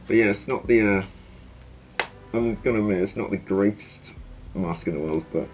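A young man talking casually and haltingly about his collection, his voice muffled through a gas mask he is wearing. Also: on the low side, faint music behind. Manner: rambling, hesitant, many fillers. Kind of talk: casual show-and-tell video.

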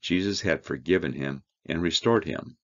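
Very deep gravelly-voiced male Bible teacher. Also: fairly bright tone, muffled recording. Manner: reads scripture then explains it, slow earnest emphasis. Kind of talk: verse-by-verse Bible study.

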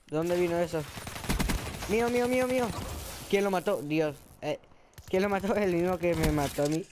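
A man with a fairly high voice and a put-on Spain Spanish accent, commentating his own gameplay live. He exclaims at every kill and death and mocks himself between rounds. A faint hiss sits under his voice. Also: a little fast. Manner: excitable, exclaiming, self-mocking. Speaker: gaming channel host.

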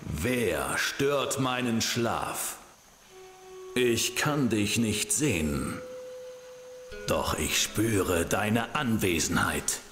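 An actor playing an ancient blind fox spirit in a video game, a stern gatekeeper speaking in a solemn, archaic, imperious manner. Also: male voice, fairly low pitch, lively intonation, drawn-out words. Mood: stern, commanding. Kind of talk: video game character acting. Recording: reverberant echoey hall, music underneath.

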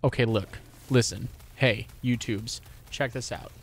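Streaming a game with a sore throat, this young man offers laid-back live commentary, rambling and cursing as he talks to himself and to the game. His voice is mid-range, his intonation fairly even, and his pace unhurried.

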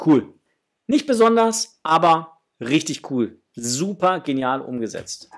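His voice a little high, sing-song and creaky with a fairly bright tone, a middle-aged toy collecting channel host speaks slowly while unboxing a toy. He chats casually and gushes enthusiastically to his viewers from a small room in his home.

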